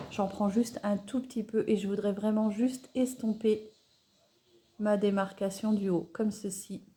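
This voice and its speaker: A beauty vlogger chats casually through a makeup tutorial, narrating each step in a natural, unpretentious way. She's hesitant and stop-and-start, stammering and correcting herself, in a warm, mid-range voice.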